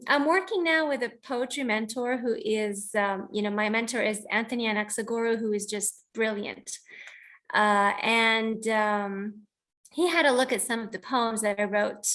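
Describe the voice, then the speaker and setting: On an online video call, an American woman hosts a poetry reading, introducing and reading her own poems. Her slightly high, fairly bright voice has fairly even intonation and a moderate pace. Her manner is informal, reflective, and explanatory.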